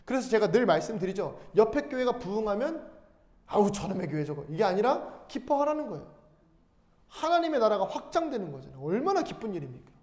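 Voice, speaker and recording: A male pastor preaching a sermon, asking the congregation questions and answering them himself, and reading scripture aloud slowly. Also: high-pitched, sing-song, a little mellow. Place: church sanctuary. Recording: long hall reverb.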